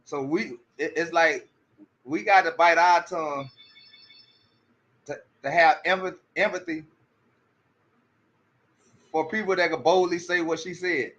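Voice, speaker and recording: A man talking in casual commentary with a slightly high, bright and forceful voice. He stammers through restarts and keeps repeating rhetorical questions. The audio sounds a little muffled and lo-fi. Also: fairly even intonation, measured pace, pauses often. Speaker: commentary streamer.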